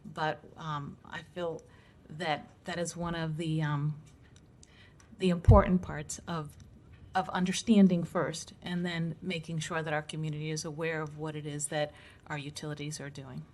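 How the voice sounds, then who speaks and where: A woman giving an earnest, explanatory podium speech at a public meeting, halting as she finds her words. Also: low-pitched, level tone, a little mellow. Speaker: applicant, science educator.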